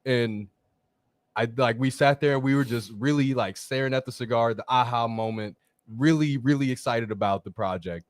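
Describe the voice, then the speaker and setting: A man with a mid-pitched voice chats earnestly on a live show. He fills his speech with "like". The sound is dry and close, with no room echo. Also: moderate pace. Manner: earnest, chatty, says "like" a lot. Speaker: co-host. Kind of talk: casual live-stream chat.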